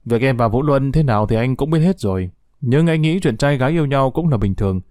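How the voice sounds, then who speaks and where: A man's voice: a little high, expressive, normal speed, dark tone, dry recording, studio quality, lightly acted. A man reading an audio story, voicing a young woman who pleads and frets. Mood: anxious.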